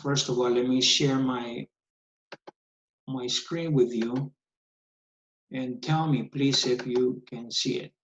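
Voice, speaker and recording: A man's voice: medium pitch, fairly even intonation, slow, pauses often, fairly bright tone, slight background noise. A male teacher giving an online English lesson, explaining patiently step by step, his voice captured in a screen recording of a video call. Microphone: computer mic on a video call. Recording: echoey, dull video-call audio.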